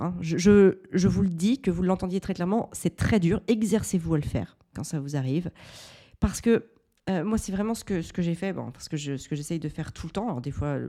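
A woman's voice: fairly low pitch, warm tone. A woman in her thirties, hosting a parenting podcast, who tells a personal story in a candid, reflective way with frequent restarts.

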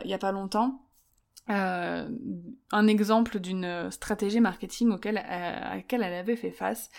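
A woman's voice: mid-range voice, darkish tone. Female solo podcast host, casual advice talk, chatty, lots of fillers. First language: French. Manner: chatty, many fillers and restarts.

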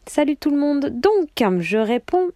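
Slow, rambling woman in a dry recording. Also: high voice, lively intonation, warm tone, no echo. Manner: rambling, self-deprecating, laughs often. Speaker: listener sending a voice message. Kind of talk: casual voice message.

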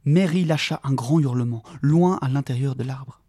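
A man telling a story by reading it aloud, in a steady, expressive storyteller's manner. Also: medium pitch, normal speed, slightly rough, no echo, clean studio sound. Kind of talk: audiobook-style read-aloud.

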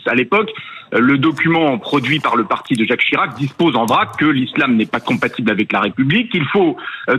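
A man's voice: medium pitch, sharp tone, slightly rough, lo-fi sound. A man with a French accent from France gives political commentary on the radio, sounding boxed-in, as if talking from inside a tin can over a remote line. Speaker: political editor commenting on air. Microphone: remote call connection.

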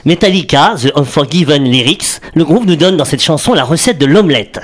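A man's voice: fairly high pitch, animated, fairly quick. A man giving a playful radio segment, joking and laughing often as he explains. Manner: jokey, laughs often, explains with mock accents. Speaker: radio columnist.

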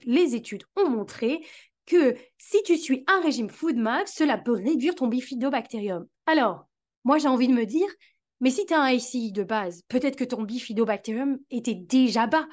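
A woman's voice: fairly high pitch, a little mellow. A woman hosting a solo educational podcast, earnestly explaining things and speaking directly to the listener. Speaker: podcast host, digestive health specialist.

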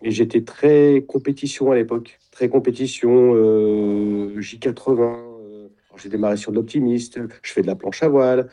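A middle-aged man speaks in a very dark, mellow voice at an ordinary pitch. He is a reflective interview guest who keeps pausing to find the right word. His speech stays calm and inward. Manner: reflective, searches for words, pauses often; describes himself as introverted. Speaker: guest, sailing retreat founder. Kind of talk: casual interview talk.

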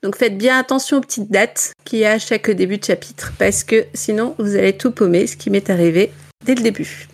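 Woman from northern France, book club chat, lots of fillers, self-mocking, mid pitch. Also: fairly quick. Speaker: book club member presenting a novel.

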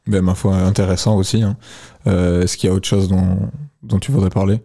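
Young guy on a radio music show, lowish dark voice, laid back, into his rap. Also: fairly quick, creaky. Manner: relaxed, conversational, enthusiastic about rap. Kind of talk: presenting rap releases on radio. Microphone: studio microphone.

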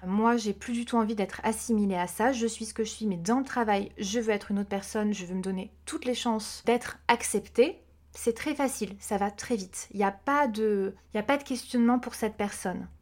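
A woman who works as a vocal coach, explaining her ideas in a relaxed interview with frequent hesitations. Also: mid-range voice, normal speed. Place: podcast recording.

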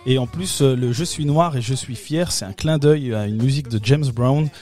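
A man's voice: medium pitch, moderate pace, darkish tone. French man, mid voice, casual radio film chat, hesitant, light music bed. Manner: hesitant, many fillers and restarts.

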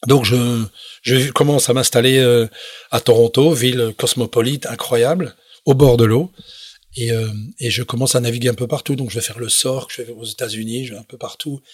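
Middle-aged French sailor guest, halting and rambling, dry studio mic. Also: male voice, medium pitch, fairly even intonation, breathy edge, no room sound. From France. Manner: rambling, many fillers and restarts. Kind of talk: casual interview storytelling.

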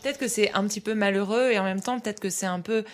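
A woman's voice: mid-range voice, fairly even intonation, fast, loud music behind the voice. A woman in a casual conversation, reflecting aloud and asking questions.

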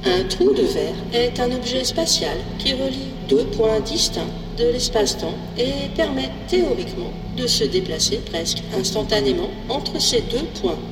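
Female ship computer voiced by a woman: didactic, animated, distant and reverberant, sci-fi comedy. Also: a little high, normal speed, few pauses. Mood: pedantic. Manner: pedantic, didactic. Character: female ship computer or robot, pedantic explainer. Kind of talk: sci-fi comedy audio drama. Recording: echoey hall, distant, music behind.

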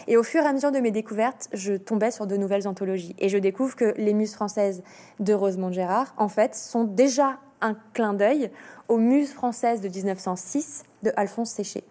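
Mellow-voiced woman, hesitant and animated. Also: mid-range voice, normal speed. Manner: animated, hesitant, often restarting sentences. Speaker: author and illustrator guest. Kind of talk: interview talk.

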